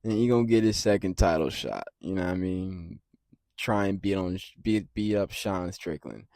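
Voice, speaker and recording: Man, casual fight-prediction rant, rambling, swears a lot, loudness jumps around, dry close sound. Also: deep voice, normal speed, dry recording. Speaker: MMA commentary channel host.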